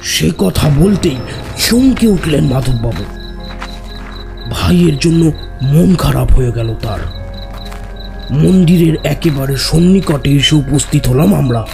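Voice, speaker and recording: A man playing a gravelly, grave tantric storyteller. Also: a little high, animated, exaggerated voice. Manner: slow, grave, measured. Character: gruff older male tantric storyteller. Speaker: tantric narrating his tale. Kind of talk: audio drama narration. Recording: music and crickets behind.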